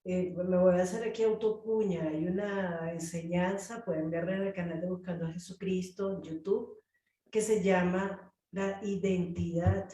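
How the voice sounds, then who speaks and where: A woman's voice: lowish voice, normal speed, echoey room, far from the mic. A woman leading a group Bible study, speaking animatedly and acting out prayers and quotes. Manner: animated, acts out prayers and quotes in changing voices.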